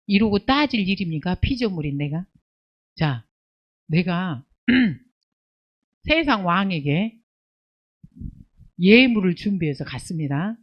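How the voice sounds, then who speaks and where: A woman pastor preaching a sermon, asking rhetorical questions and answering them, scolding and rising to near-shouts on key points. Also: on the low side, expressive, takes it slowly, long pauses, lo-fi sound. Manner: emphatic preaching with rhetorical questions and call-and-response "예".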